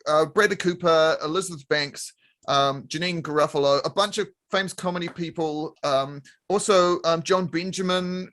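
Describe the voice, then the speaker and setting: A man with a notably high voice, chatting on a comedy panel. He rambles eagerly with plenty of ums and asides, loose and playful. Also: a bit bright. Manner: rambling, enthusiastic, lots of fillers. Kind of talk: casual comedic banter.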